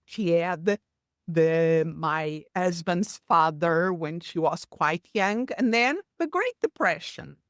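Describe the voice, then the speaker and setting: Portuguese-accented woman, lowish voice. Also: animated, dry recording, studio quality. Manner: earnest, slightly halting non-native phrasing. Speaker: podcast guest. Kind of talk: conversational storytelling.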